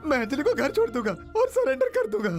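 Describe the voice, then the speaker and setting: A man's voice: very high-pitched, wildly swooping pitch, fast, faint music behind, full character voice. An actor voicing a desperate man who frantically pleads and begs for a child's life, in a dubbed film. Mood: desperate pleading. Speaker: desperate father begging for his child. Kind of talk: Hindi film dub acting.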